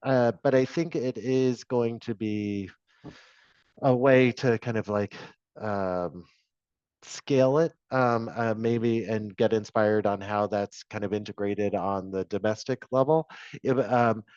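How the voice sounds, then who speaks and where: Man, low voice, rambling answers, dry, dull lo-fi call audio. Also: slow, darkish tone, clear, resonant tone, no room sound. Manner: rambling, many fillers and restarts. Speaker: panelist. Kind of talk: webinar panel answer. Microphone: video call.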